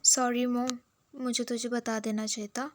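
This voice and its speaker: A woman voicing an earnest young man, pleading and excitable, in a recapped romance series. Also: a little high, measured pace, no echo, lightly acted.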